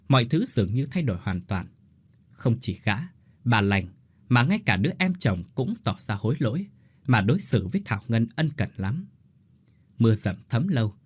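A man narrating a scripted story in an expressive, dramatic way. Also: mid-range voice, breathy edge, no room sound.

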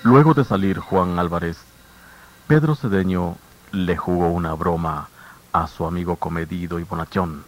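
A man narrating a radio drama in a measured, grave storytelling manner, heard as an old radio show broadcast. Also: low-pitched, faint music behind. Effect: old radio show broadcast sound. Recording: muffled old radio recording with faint hiss.

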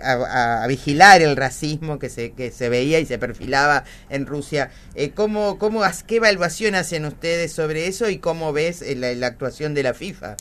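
Woman radio interviewer, low register, halting questions. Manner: hesitant, soft backchannels.

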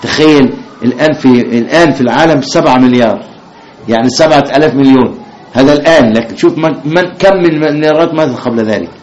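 A man's voice: medium pitch, fast, darkish tone. A man teaching religion to a class of new Muslims. He keeps asking the class questions and often starts his sentences over. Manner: repeats questions to the class, many fillers and restarts. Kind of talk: religious lesson. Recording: dull roomy classroom recording with faint noise.

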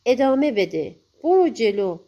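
A woman's voice: fairly high pitch, big pitch swings, warm tone, highs cut off. A woman voicing a loyal male talking wolf in a storybook, reassuring and urging.

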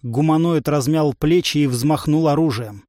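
Man reading a first-person fantasy audiobook, even and wry, bone-dry sound. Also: a little high, moderate pace, no room sound. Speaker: audiobook narrator.

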